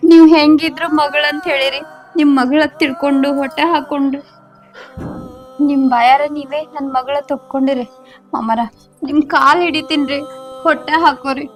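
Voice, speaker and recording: An actress with a North Karnataka Kannada accent, playing a young daughter-in-law who pleads and protests deferentially. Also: female voice, sits high, steady tone, moderate pace, soft background music, lightly acted. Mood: pleading. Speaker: actor in a village comedy film.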